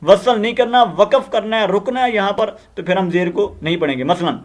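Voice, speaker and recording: A man with a Pakistani Urdu accent teaches Quran recitation in an earnest, repetitive way, often pausing on fillers. His voice sits fairly high for a man. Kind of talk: spoken Quran lesson with channel appeals.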